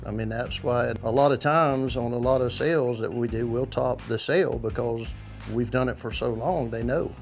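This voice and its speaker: A man with a gravelly voice talking casually in an interview as a cattle producer. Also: mid-range voice, normal speed, faint music behind.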